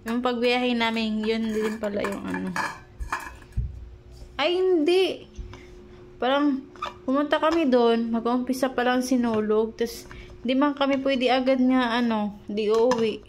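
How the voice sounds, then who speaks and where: A woman's voice: fairly high pitch, measured pace, long pauses, slight background noise. A young pregnant woman chatting casually to her vlog viewers, rambling and searching for words with many fillers, a little short of breath. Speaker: vlogger.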